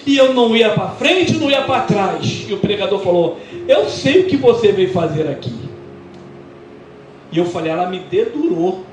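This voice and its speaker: A man's voice: high-pitched, moderate pace, slight background noise. A Brazilian man, a pastor, preaching and telling his testimony in a church, acting out the dialogue as he goes. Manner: animated storytelling, acting out quoted dialogue. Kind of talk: sermon testimony. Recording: echoey church with music behind. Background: music.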